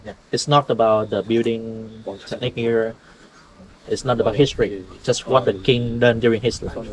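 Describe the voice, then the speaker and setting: A Vietnamese tour guide, a native speaker with a Vietnamese accent, explains the ancient temple ruins to visitors outdoors in simple, broken English, with frequent jokes and chuckles. His medium-pitched voice is fairly even and moderately paced, on poor audio with a little hiss or hum.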